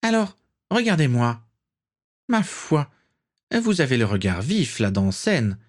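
Man doing a haughty old noble witch, high imperious voice, condescending, lively swooping tone, storybook reading. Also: takes it slowly.

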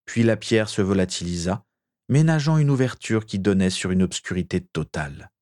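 A man reading a story aloud with measured, expressive narration. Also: low-pitched.

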